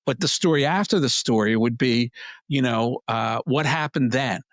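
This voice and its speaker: A man answering interview questions, emphatic and plain-spoken, his voice worn and going hoarse. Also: normal speed, no room sound. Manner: emphatic, plain-spoken, animated pitch jumps. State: losing his voice. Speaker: PR agency head, guest.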